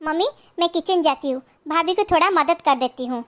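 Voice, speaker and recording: A woman's voice: sits high, fairly quick, fairly bright tone. A woman playing a chatty married daughter who is visiting her family home, in a comedy skit. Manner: chatty, coaxing.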